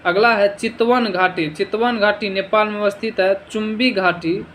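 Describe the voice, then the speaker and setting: A man's voice: high-pitched, steady tone, normal speed, fairly bright tone, a little hiss or hum, rough recording. A man teaching an exam revision lesson, asking short quiz questions and answering them himself, sometimes stumbling over foreign place names.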